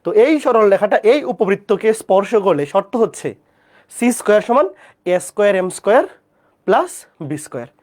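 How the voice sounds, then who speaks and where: Soft-spoken Bangladeshi math tutor with a fever, lecturing live online and checking in with students often. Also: mid-range voice, sing-song, a little fast. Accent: Bangladeshi Bengali. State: feverish, speaking softly. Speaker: math teacher.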